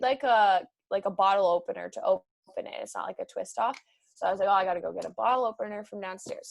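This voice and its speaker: A young woman co-hosting a podcast, telling a story in casual chat and acting out quotes with big jumps in her voice. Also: gravelly. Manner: animated, acts out quotes with big pitch jumps. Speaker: podcast co-host.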